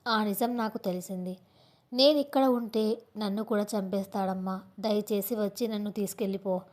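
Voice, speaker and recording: A woman narrator gives voice to a terrified young girl in a storybook tale. She pleads in a tearful, desperate rush at a middling pitch. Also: fairly even intonation, normal speed, darkish tone, lightly acted. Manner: desperate, pleading, breathless run-on speech.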